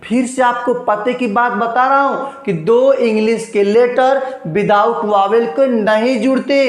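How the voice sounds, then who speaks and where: A very high-pitched male teacher works through English grammar in Hindi inside an echoey, roomy space. He keeps repeating "understand," quizzes himself, and slowly stretches words so their sounds come through.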